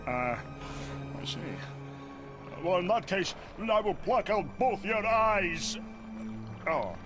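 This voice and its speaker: A gruff Scottish dragon. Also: male voice, fairly high pitch. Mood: deflated. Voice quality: thick brogue, threatening then flustered. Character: gruff boastful male dragon in his lair. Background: game music.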